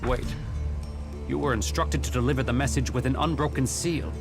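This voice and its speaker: A man's voice: mid-range voice, fairly even intonation, moderate pace, natural voice. An actor playing a stern, authoritative male warlord in a video game, with formal, commanding speech. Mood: stern, reproving. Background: music.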